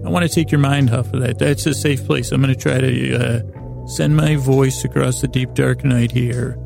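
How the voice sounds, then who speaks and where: With music playing in the background, a man hosts a bedtime podcast, his medium-pitched, gravelly and creaky voice keeping a fairly even intonation. The monologue wanders and stalls, with long pauses, self-corrections and goofy self-deprecation.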